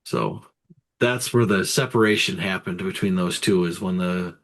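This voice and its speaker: A man's voice: deep voice, normal speed, fairly bright tone. A man giving casual sports talk, laying out statistics in a matter-of-fact way. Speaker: sports commentator.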